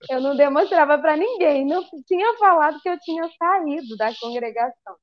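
Brazilian woman, high voice, animated testimony with acted-out quotes; dry, dull recording. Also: normal speed, dry recording. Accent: Brazilian Portuguese. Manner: lively storyteller who acts out quoted dialogue. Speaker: speaker giving a religious testimony. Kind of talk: personal testimony told to a live group.

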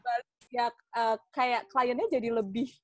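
A woman's voice: on the high side, steady tone, unhurried, a bit bright, dry recording, low-quality recording. Chatty young woman, dry close sound. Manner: rambling with many fillers and restarts, laughs often. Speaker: guest. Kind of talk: casual podcast chat.

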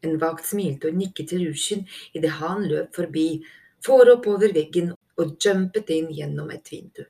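A woman's voice: low voice, vocal fry, dark tone. Woman narrating a fantasy audiobook. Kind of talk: scripted narration.

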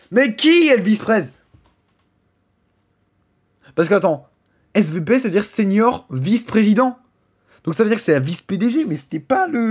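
A man's voice: high-pitched, darkish tone, husky. A man hosting a podcast, ranting in a crude, profane and sarcastic way, often stumbling into restarts. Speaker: podcast host.

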